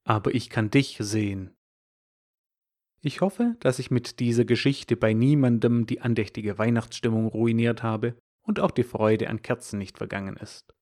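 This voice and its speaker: Male devotional speaker, calm scripted storytelling delivery, mid-range voice. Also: mid-range voice, normal speed, few pauses.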